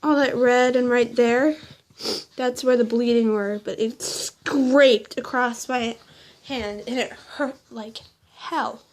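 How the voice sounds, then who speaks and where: A woman's voice: a little high, fairly even intonation, slow. A teenage girl telling a rambling, indignant story in a casual vlog. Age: teens. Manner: rambling, indignant, with quoted exchanges. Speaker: vlogger.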